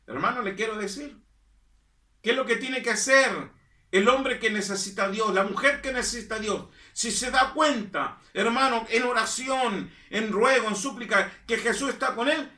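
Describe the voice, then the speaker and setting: A pastor preaching in a high, bright, ringing voice, repeating his lines for emphasis. He sits back from the microphone in an echoey church hall. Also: recorded from a distance. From Chile. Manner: emphatic preaching, repeats phrases, calls listeners "hermano". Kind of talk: sermon. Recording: echoey room, voice from off-mic.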